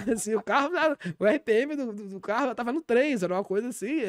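A brash, shameless apostle holds forth, as a man puts him on in a Brazilian Portuguese accent, deadpan and rambling with churchy asides. The talk races along at a fast clip. It is recorded close on a podcast mic in a dry, dead room. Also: very high voice, no room sound. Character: brash, shameless male pastor calling himself apostle. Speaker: comedian in character as a self-styled apostle. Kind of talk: deadpan comic character monologue on a podcast.

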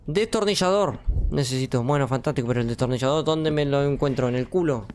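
A man's voice: mid-range voice, quick pace, darkish tone, a little hiss or hum. A young man with an Argentine accent giving jumpy, swearing commentary while playing a horror game and talking to his viewers. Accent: Argentine Spanish. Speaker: gaming streamer.

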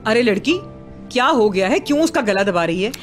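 An actress playing a bustling, motherly middle-aged auntie in a dubbed TV drama, brisk and chiding. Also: medium pitch, lively intonation, soft background music, close to an everyday voice.

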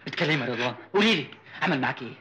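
An actor playing a young merchant son and jealous husband, speaking with an Egyptian accent, boastful and then furious. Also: male voice, medium pitch, expressive, rapid-fire, very noisy, lightly acted. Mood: tender. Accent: Egyptian Arabic. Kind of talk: 1980s Egyptian film acting.

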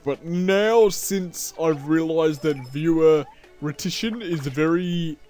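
A young man giving casual gameplay commentary as a let's play host, chatty and self-mocking, with frequent laughs and excitable outbursts. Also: a little high, slow pace, soft background music.

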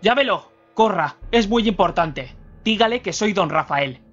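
A man's voice: fairly high pitch, moderate pace, soft background music, lightly acted. A man voicing an anxious older man who speaks with urgent, insistent firmness, in a slightly dull radio recording. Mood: alarmed.

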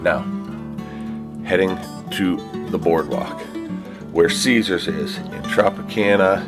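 A man's voice: low-pitched, slow pace, over music. A middle-aged man casually touring a casino hotel and giving practical travel tips on a handheld phone camera. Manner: chatty, easygoing, practical tips. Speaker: travel vlogger. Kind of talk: casual walking tour and review. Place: hotel casino and hotel room, indoors.

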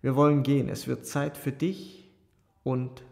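A sardonic young thinker, as a male audiobook reader puts him on, cool and argumentative. the voice is slow and gravelly, with a long hall-like reverb around it. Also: mid-range voice, little pitch movement, darkish tone. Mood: wry. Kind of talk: audiobook character voice.

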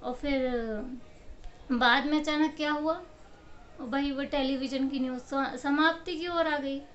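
A woman's voice: high-pitched, a little slow, muffled recording, slight background noise. A woman giving a casual motivational talk straight to camera, telling everyday stories and acting out what people say, often laughing. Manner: animated storytelling, acts out quotes, laughs often. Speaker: motivational speaker. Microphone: camera mic.

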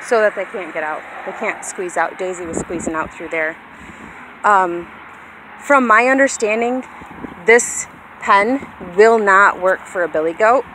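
Out in an open grassy yard, a thirtysomething vlogger and hobby farmer gives her viewers a casual, rambling, self-mocking chat. It's a windy phone recording made at arm's length, with background outdoor noise and something rumbling like a vehicle.

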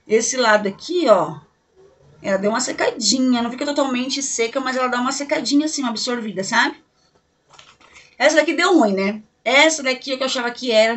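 A woman from Brazil talks straight to her viewers as friends while trying on makeup in her bedroom. Her voice sits a little high, and she gushes and chats freely in a casual beauty-vlog style. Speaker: beauty vlogger. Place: bedroom at home. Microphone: camera mic in a bedroom.

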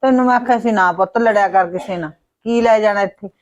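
A woman with a Punjabi accent plays a calm mother-in-law who gently tries to settle a quarrel. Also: mid-range voice, fast, dull audio, close to an everyday voice. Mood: soothing. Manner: gentle, placating.

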